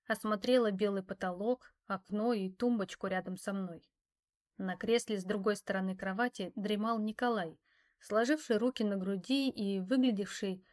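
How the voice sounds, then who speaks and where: A woman reads a first-person novel aloud at a middle pitch. Her telling is expressive, with a wry edge. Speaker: audiobook narrator. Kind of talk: first-person story narration.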